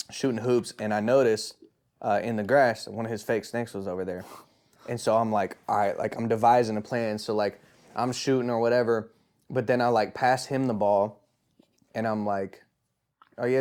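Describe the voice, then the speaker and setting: Animated young man telling a scary tale. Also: lowish voice, clear, resonant tone. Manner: animated, laughing, says bro a lot. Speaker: podcast co-host. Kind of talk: casual chat, telling a scary anecdote.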